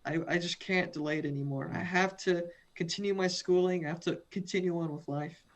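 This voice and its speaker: Speaking fairly quickly in a slightly high, steady voice, this young western-U.S. student is a guest in a video interview. He comes across as earnest, frequently restarting and repeating words.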